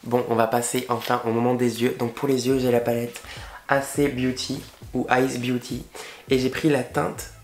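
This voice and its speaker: Young male makeup vlogger, excitable and chatty, mid-pitched voice, echoey room at home. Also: normal speed. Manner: chatty and excitable, gushing over products with slang. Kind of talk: casual makeup tutorial chat. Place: indoor room at home, facing a window. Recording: roomy echo.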